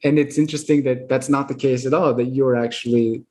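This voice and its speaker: A man's voice: medium pitch, steady tone, brisk. Thoughtful male podcast host. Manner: thoughtful, reflective, gently probing. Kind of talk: conversational interview.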